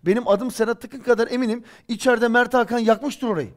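In a studio, a football pundit in his forties delivers heated post-match commentary, ranting and scolding rhetorically with real passion. His voice sits extremely high, and he talks fast with a fairly even intonation.

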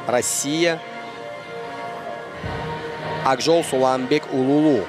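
A man giving live boxing commentary in short, halting phrases with repeats. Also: mid-range voice, over music.

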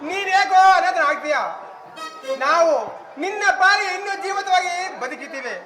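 A man's voice: very high-pitched, moderate pace. A man playing humble consoling Chandru. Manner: consoling, preachy advice. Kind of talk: declamatory village stage drama. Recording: roomy stage, loud live music.

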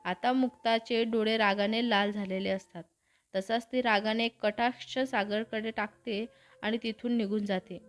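A woman narrating a romantic story in a steady storytelling manner. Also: on the high side, normal speed, faint music behind.

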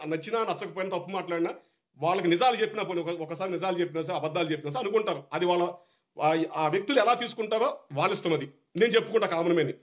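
A man with a Telugu accent, a political party supporter, giving a heated, repetitive, scolding rant. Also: sits high.

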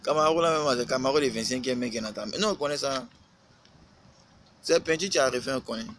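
A man's voice: mid-range voice, fast, a bit bright, slight background noise, rough recording. A man, a rapper talking casually on a live stream, lecturing and scolding with lots of repetition.

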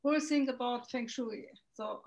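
A middle-aged woman from Germany with a German accent, a native German speaker, talking hesitantly with many pauses as a guest on a video call. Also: fairly high pitch, a little mellow. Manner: hesitant, searching for words with many ums. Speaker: guest, feng shui consultant. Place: home room with window. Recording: dull lo-fi video call audio.

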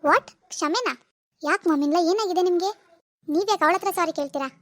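A woman's voice: extremely high pitch, fairly quick, no echo, studio quality. A woman playing a snobbish young woman of the family who scoffs in disbelief at her mother-in-law's change in a homemade family drama skit. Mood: doubtful. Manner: doubtful, scoffing.

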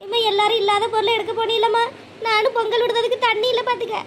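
A woman's voice: extremely high pitch, flat delivery, very fast, fairly bright tone, slight background noise. A woman voicing a frightened, weepy old village grandmother in a cartoon. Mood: shaken, weepy. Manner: whimpering, pleading. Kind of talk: cartoon voice acting.

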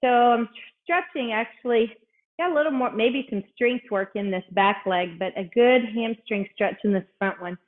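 A woman's voice: on the high side, moderate pace, narrow, tinny audio. A woman fitness instructor coaching a workout, out of breath, upbeat and encouraging as she counts reps aloud.

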